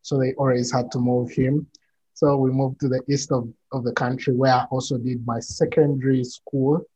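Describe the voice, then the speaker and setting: A man, a podcast guest speaking in measured answers with frequent pauses over a video call. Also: mid-range voice, flat delivery, dark tone, husky, poor audio. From Uganda. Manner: measured, many pauses and fillers. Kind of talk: conversational interview answers.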